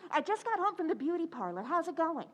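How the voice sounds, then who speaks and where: A woman's voice: very high-pitched, very animated, quick pace, dull audio. An actress playing a bossy but supportive girlfriend in an old-time radio comedy, emphatic and coaxing. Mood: incredulous. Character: bossy, fussing, supportive best girlfriend of a housewife.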